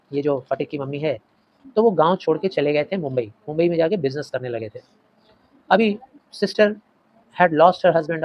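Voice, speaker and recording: A man's voice: a little high, dull audio. A middle-aged male teacher retelling a story for a class, stopping to explain word meanings in plain, patient terms. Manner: explains slowly, glossing words and mixing languages.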